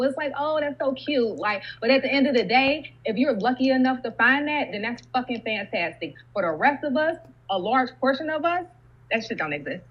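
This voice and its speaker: A woman guest on a podcast with a husky voice, talking bluntly and cynically and swearing freely, heard on a clip from an earlier episode. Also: on the high side, dull audio. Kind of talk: casual podcast conversation.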